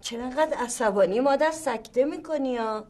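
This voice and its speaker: An actress playing a tired, sharp-tongued middle-aged mother who scolds and teases her son. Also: high-pitched. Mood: scolding. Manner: scolding and teasing. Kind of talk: sitcom acting.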